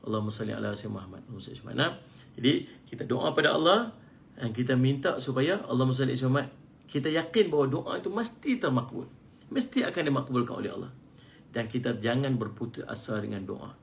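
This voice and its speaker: A man with a Malaysian Malay accent giving an online religious lecture, playful and fond of mimicking loud pleading prayers. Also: animated, fast, gravelly. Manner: playful, mimics shouting pleaders in high cries. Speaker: religious teacher. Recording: faint background noise, live stream.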